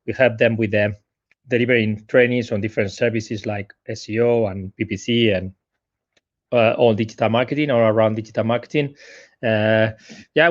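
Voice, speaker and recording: A Spanish-accented man from Spain, a digital marketer, guests on a live stream from his sofa at home. His medium-pitched voice comes through a muffled recording, and he speaks casually but hesitantly with many fillers.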